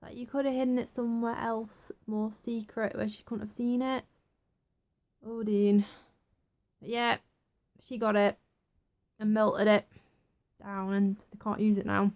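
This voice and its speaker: A young woman giving a chatty, excitable casual review of a TV episode. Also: mid-range voice, unhurried. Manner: chatty, excitable, acts out quotes.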